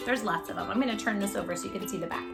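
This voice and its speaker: Talking very fast in a creaky, medium-pitched voice, the woman reads a picture book aloud for young children over loud music. As the storytime host, she reads expressively and chats effusively, directly to her little audience.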